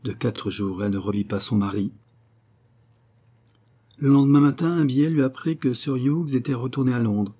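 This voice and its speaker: A man narrating a literary novel as an audiobook in a measured, even reading. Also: mid-range voice.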